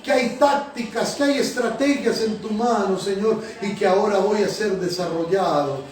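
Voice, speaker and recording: In an echoing church hall, a high-pitched male pastor and prophet prays with fervor at a moderate pace, recorded from across the sanctuary. Between phrases of his sermon and prayer he keeps returning to "Señor" and "Padre," backed by quiet music.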